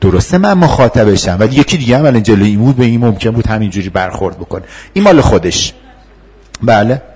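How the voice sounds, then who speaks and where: Husky-voiced man teaching a class. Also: lowish voice, animated, darkish tone. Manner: conversational, laughs often, acts out replies to students. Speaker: instructor. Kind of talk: classroom lecture with role-play.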